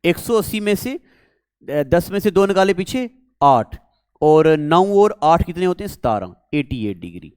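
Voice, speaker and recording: A man's voice: fairly high pitch, sing-song, a little slow, a little mellow, clear, resonant tone, no room sound, studio quality. A man teaching a maths class, coaxing students and asking them questions as he works through a problem. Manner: coaxing, repeats words, asks students questions.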